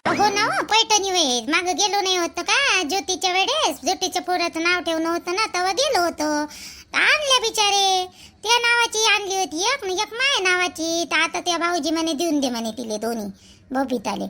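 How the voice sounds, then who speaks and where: A woman's voice: very high voice, lively intonation, moderate pace, sharp tone, heavily acted. A woman playing a chatty, gossiping mother figure with a teasing manner and a Vidarbha Marathi dialect. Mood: gossipy.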